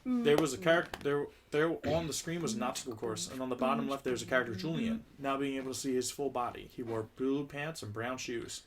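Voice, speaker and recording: A man's voice: medium pitch, fast, few pauses, slight background noise. Man stumbling through a casual script read. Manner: stumbling, restarting lines often. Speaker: script reader.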